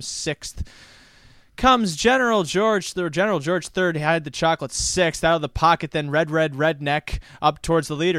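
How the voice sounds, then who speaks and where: Guy doing race caller commentary, slightly high crisp voice, really dry sound. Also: fairly bright tone, no echo. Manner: race caller's flowing, building delivery during the race. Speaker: host and horse race caller. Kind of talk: race caller commentary during races, casual handicapping talk otherwise.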